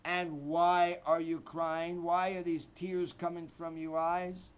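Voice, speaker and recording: A man's voice: fairly high pitch, little pitch movement, slow, smooth, rough recording. A man voicing an anxious, loving middle-aged mother who pleads with trembling urgency. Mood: insistent. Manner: pleading, tremulous, urgent questions.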